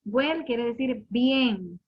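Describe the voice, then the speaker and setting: High-voiced patient woman teaching a class. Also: animated, extremely slow. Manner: patient, repeats and quizzes students. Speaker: English teacher. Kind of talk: classroom lesson. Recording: muffled lo-fi recording.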